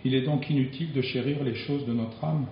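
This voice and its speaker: A man preaching a sermon in slow, deliberate phrases with long pauses. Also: mid-range voice, steady tone, echoey room, highs cut off, slight background noise.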